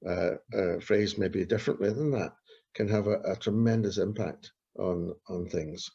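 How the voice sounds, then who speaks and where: A man's voice: low voice, normal speed, creaky, mellow, breathy edge. A man, a street pastor telling earnest stories in an interview and repeating his key phrases. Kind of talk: storytelling in an interview. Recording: dull lo-fi recording.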